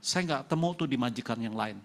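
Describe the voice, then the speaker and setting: A middle-aged man preaching a sermon as pastor in a church, who often jumps to loud, high-pitched emphasis and puts questions to the congregation. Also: lively intonation, a little fast. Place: church hall.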